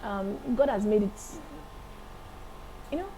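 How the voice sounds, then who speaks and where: A woman in her late thirties, a singer and accountant, chatting as an interview guest in a lively, enthusiastic way. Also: mid-range voice, slow, faint music behind, rough recording. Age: 30s. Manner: lively, laughs often, enthusiastic. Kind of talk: casual interview chat.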